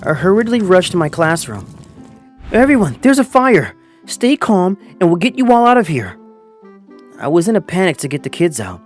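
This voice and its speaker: Over faint music, a man playing an earnest twenty-five-year-old male teacher narrates his own story in a first-person manga dub and acts out the dialogue. His voice is a little high and sing-song, quick with few pauses, and he sounds alarmed and pleading.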